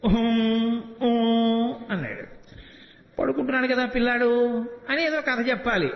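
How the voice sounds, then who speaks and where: Man telling a devotional story, acts out the characters, high voice, echoey hall, dull sound. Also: normal speed, vocal fry. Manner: lively storytelling, voicing characters, chanting Sanskrit verses. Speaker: religious discourse speaker.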